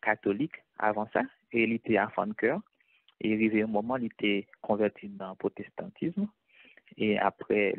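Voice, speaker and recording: A man from Haiti speaks with a low voice, telling his story in a measured, thoughtful way. His voice comes through a narrow, tinny phone line. The sound is dry, with no room echo. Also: breathy edge. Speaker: guest. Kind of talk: interview over a call.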